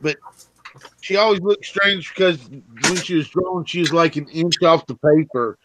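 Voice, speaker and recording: A man's voice: fairly high pitch, moderate pace, background noise. A man co-hosting a casual live stream, telling a story in a laid-back, rambling way. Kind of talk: casual chat.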